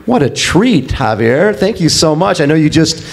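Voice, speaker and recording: A man interviewing an athlete, leading with friendly, quick follow-up questions. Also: fairly high pitch, sing-song, a little hiss or hum.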